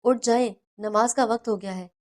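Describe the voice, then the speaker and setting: A woman voicing a lonely, tender young wife who pleads softly with her brother in a storybook reading. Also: fairly high pitch, fairly even intonation, lightly acted. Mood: plaintive.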